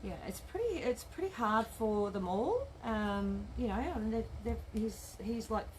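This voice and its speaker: A craft shop owner sews in a live-streamed demo from home, recorded on a tablet, chatting, muttering to herself, and replying to viewer comments. Her slightly high, slightly mellow voice is animated and measured in pace. The audio is poor, with a little hiss or hum.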